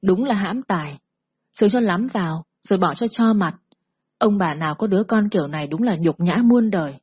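A harsh, lecturing middle-aged lady doctor, full of contempt, as a woman reads her lines. The voice is very breathy and husky, recorded dry and close with a slightly muffled, lo-fi sound. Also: medium pitch, fairly quick, dry recording, natural voice. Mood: contemptuous. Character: blunt scornful middle-aged female doctor.

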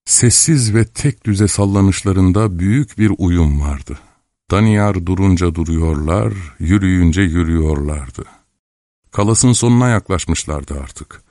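A deep-voiced man narrating a novel in a measured, steady way. The recording is dry and close, with no room sound. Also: no room sound. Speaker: audiobook narrator. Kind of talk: scripted narration.

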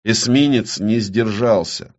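Man doing a calm submarine captain. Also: on the low side, takes it slowly. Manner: calm, matter-of-fact. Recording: dull lo-fi recording.

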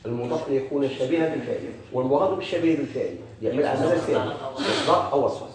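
A man's voice: mid-range voice, racing, reverberant, a crowd in the background. A man with a Moroccan accent teaching a grammar lesson, asking questions and answering them himself. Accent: Moroccan Arabic.

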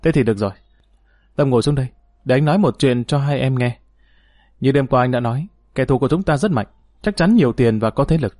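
A man's voice: medium pitch, expressive, fast, a little mellow, no echo, close to an everyday voice. A man voicing a confident, protective leader who speaks in an easy-going, assured way, recorded dry. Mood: serious.

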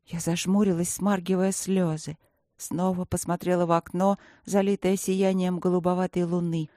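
A woman narrating an audiobook in first person, speaking softly with a feverish, breathless edge. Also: lowish voice, level tone, moderate pace, no echo, studio quality.

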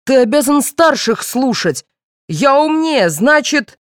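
A woman reading the part of a blustering, quick-tempered middle-aged father who scolds and shouts. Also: medium pitch, big pitch swings, no room sound, clean studio sound, close to an everyday voice. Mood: shouting.

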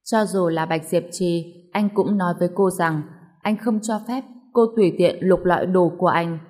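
A woman narrating a family drama story in a steady storytelling voice. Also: fairly low pitch, moderate pace.

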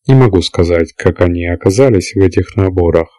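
Audiobook heroine, calm half-alien young woman, a man reads her, low dark voice. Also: brisk, no room sound, natural voice, poor audio. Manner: calm, even explaining. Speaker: character in an audiobook. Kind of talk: audiobook character reading.

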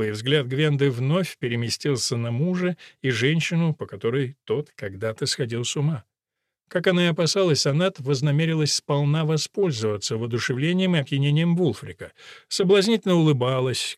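A man reading an audiobook aloud in measured scripted narration. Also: a little high, no echo, clean studio sound. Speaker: audiobook reader.

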